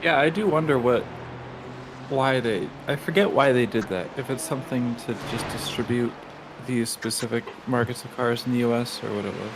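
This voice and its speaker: A man's voice: medium pitch, moderate pace, noisy background. A man from the United States chatting casually on a racing stream, curious and rambling through comparisons. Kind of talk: casual chat.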